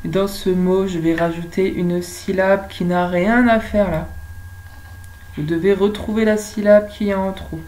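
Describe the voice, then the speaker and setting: A French woman teaching young children at home, speaking slowly and stretching out words so they can follow. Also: medium pitch, fairly even intonation, darkish tone, poor audio. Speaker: kindergarten teacher.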